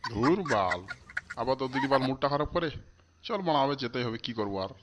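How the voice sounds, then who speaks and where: A man's voice: medium pitch, expressive, quick pace, a little hiss or hum, close to an everyday voice. A man voicing a furious, cursing old father. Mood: angry. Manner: shouting, cursing, repeating threats. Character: foul-mouthed stingy old father, always furious. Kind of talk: comic cartoon voice acting.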